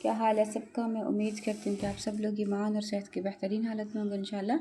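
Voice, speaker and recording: A young woman teaches Quran recitation in a calm, patient lesson. Her pitch sits in the middle range. She spells each letter slowly and pauses often to check that her students are following. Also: slight background noise. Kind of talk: step-by-step spoken lesson.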